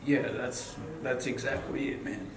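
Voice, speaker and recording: With a mid-range voice, fairly even intonation and an unhurried pace, a young man from Australia in his twenties rambles as an interview guest. His casual talk is full of fillers and swearing, captured in an echoey, distant recording with noisy ambience.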